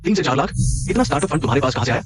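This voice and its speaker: A man's voice: mid-range voice, expressive, very fast, lightly acted. A man dubbing a fatherly, persuasive middle-aged shopkeeper in a drama. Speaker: uncle figure and business partner. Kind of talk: dubbed drama acting.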